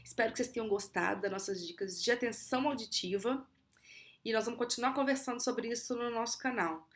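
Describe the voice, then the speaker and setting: A Brazilian Portuguese woman explaining auditory attention exercises for children in a clear, teacherly way, slowing down to model words. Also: on the high side. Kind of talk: explanatory video lesson.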